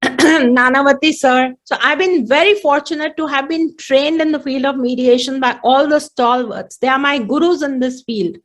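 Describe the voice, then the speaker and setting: A woman with an Indian accent giving an online training lecture as a mediator, explaining deliberately with repeated phrases, her throat a little choked. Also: sits high.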